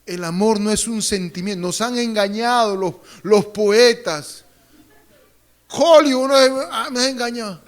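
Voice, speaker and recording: High-voiced man preaching a sermon. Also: unhurried. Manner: fervent preaching, urging the congregation to repeat phrases; joking asides to the audience. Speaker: pastor. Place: church.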